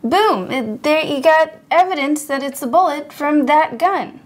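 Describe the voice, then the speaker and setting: A woman's voice: sits high, a little slow, a little hiss or hum. Wry, casual woman narrating. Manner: casual, wry, conversational, laughs at own jokes. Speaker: podcast host. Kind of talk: scripted essay narration with asides.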